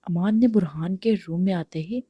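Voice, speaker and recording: A woman reading a romance novel aloud in a calm, even narration, giving each character a light voice. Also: fairly low pitch, breathy edge, dry recording, muffled recording. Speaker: novel reader.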